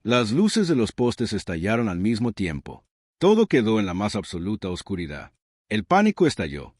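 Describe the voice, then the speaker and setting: Low-voiced man narrating horror. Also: wildly swooping pitch, normal speed, a little mellow, no room sound, clean studio sound. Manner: dramatic, suspenseful storytelling. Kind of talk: scripted horror story narration.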